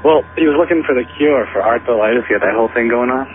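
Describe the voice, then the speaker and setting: Man on a garbled cell phone line. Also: mid-range voice. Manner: hesitant, halting with many fillers. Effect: garbled cell phone line, sounds underwater. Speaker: caller. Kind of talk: call-in radio chat. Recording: tinny phone line with faint hum.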